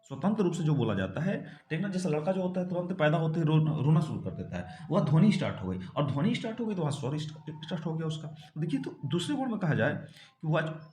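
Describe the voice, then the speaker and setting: Lively man teaching a grammar class. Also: on the high side, quick pace, reverberant. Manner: explains step by step, asks and answers his own questions. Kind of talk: exam-prep grammar lesson.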